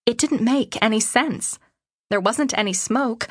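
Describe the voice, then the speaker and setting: A woman narrates a novel in the first person, measured and steady. Her voice sits fairly high and the studio recording is dry and close. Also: slightly rough, no room sound. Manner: measured, storytelling. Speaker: audiobook narrator.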